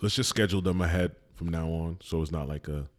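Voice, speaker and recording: A man's voice: deep voice, quick pace. A man hosting a podcast in a casual, laid-back chat, laughing often and using heavy slang. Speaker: podcast host.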